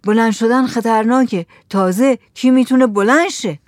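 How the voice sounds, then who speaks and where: A woman's voice: on the high side, no room sound, studio quality, lightly acted. A woman voicing a groaning, overfed village man who grumbles about the food. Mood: grumbling.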